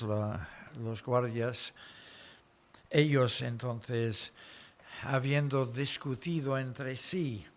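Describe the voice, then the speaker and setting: A medium-pitched man preaches an expository sermon in Spanish with a foreign accent. He explains the story deliberately, in short phrases.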